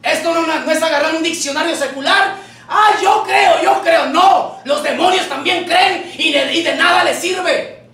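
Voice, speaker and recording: A male pastor preaching a fervent, shouting sermon and calling out to the congregation in a church hall. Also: extremely high pitch, moderate pace. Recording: echoey church from far off.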